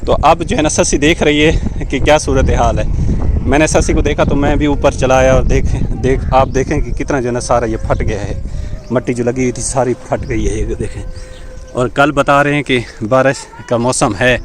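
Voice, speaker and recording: A man's voice: medium pitch, fairly even intonation. A man vlogging from his village, speaking Urdu with a Pakistani accent, showing viewers around from a rooftop and adding blessings as he talks. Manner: pious, sprinkles blessings, guides viewers. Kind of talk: casual vlog narration. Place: rural village, outdoors on a rooftop.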